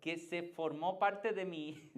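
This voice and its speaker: A man's voice: a little high, steady tone, takes it slowly. A male pastor with a Puerto Rican Spanish accent, giving a conversational sermon that builds to emphatic climaxes and asks the congregation questions. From Puerto Rico.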